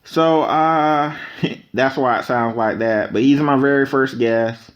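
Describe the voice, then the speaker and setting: A man's voice: medium pitch, slow. A man talking casually and unscripted as a solo podcast host, with rambling conversational asides. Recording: slightly dull, lo-fi microphone audio.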